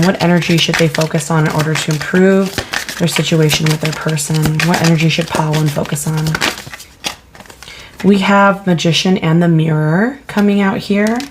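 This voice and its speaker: A woman's voice: fairly low pitch, background noise. A woman giving a casual pick-a-card tarot reading, chatty and thinking aloud as she asks spirit questions. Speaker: tarot reader.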